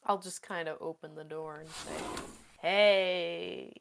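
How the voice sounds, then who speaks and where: A woman improvises as a player in a tabletop roleplaying game, rambling and hesitating in a loose, informal chat. Her voice is fairly low and gravelly, with a steady tone and slow pace, and a little hiss or hum sits in the recording.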